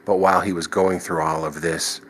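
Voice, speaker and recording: A man's voice: low-pitched, fairly even intonation, fairly quick, fairly bright tone, a little hiss or hum, poor audio. A man guest on a podcast, casually recounting his paranormal experiences in a rambling way, restarting sentences and chuckling now and then. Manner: rambling, frequent restarts and "you know".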